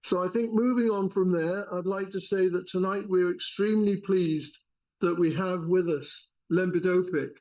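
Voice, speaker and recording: Man, event host, high voice, polite formal introduction, a little halting. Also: fairly even intonation, darkish tone. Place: lecture room.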